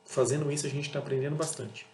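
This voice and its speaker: Fast and fairly even in intonation, with a medium pitch and darkish tone, a Brazilian man who sells auto parts and hosts a channel gives a blunt, casual monologue. He repeats himself and plays out dialogues with customers in his Brazilian Portuguese accent, recorded in an echoey room with a faint hum.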